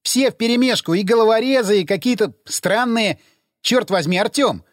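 A man voicing a frantic male lookout who shouts warnings from atop a tank. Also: high-pitched, normal speed, dry recording, clean studio sound, voice pushed up, close to an everyday voice. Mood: alarmed. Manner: excited, shouting.

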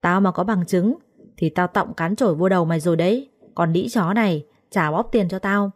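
A woman voicing a quarrelsome young female house servant who shouts accusations. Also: fairly quick, dry recording, studio quality, close to an everyday voice. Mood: shrill accusing. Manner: shrill yelling, quarrelsome.

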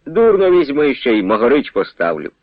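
A man's voice: medium pitch, very animated, fairly quick, no room sound. A man reading the lines of an old village peasant who tells a homely story. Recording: tinny phone-like radio sound.

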